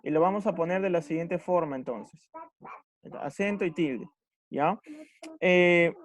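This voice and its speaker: A man teaching a recorded grammar lesson, patient, slowly stressing syllables and checking in with his students after each point. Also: fairly high pitch.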